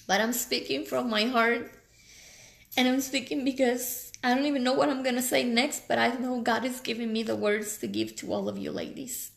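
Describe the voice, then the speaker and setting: A woman's voice: a little high, level tone, fairly quick, vocal fry, few pauses. A woman life coach giving an emotional, heartfelt talk on a live stream, her voice teary and crackly. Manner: earnest, preachy, heartfelt. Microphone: live video stream.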